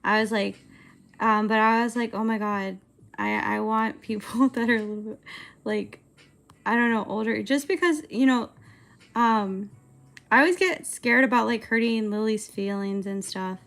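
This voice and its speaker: A woman's voice: a little high, normal speed, creaky, fairly bright tone. A woman in her twenties chatting casually on a livestream while she animates, rambling and hesitant, with lots of filler words. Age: 20s. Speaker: streamer and animator.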